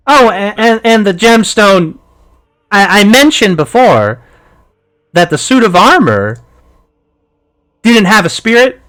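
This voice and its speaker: A man's voice: sits high, fairly bright tone, voice pushed up, exaggerated voice. A man voicing a scheming old female green hag in a tabletop game, gloating in a sing-song way.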